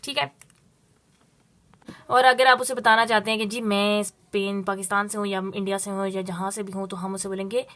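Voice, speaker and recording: A woman teaching a Spanish lesson, explaining step by step and drawing out her Spanish examples slowly. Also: mid-range voice, little pitch movement, fairly bright tone. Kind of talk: spoken language lesson.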